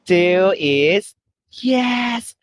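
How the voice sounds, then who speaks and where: A woman with a Filipino accent teaching English online to a young child. She speaks slowly and clearly, coaxing the child along and praising every answer. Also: mid-range voice, lively intonation, a little hiss or hum. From Philippines. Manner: slow, clear, cheerful coaxing with frequent praise.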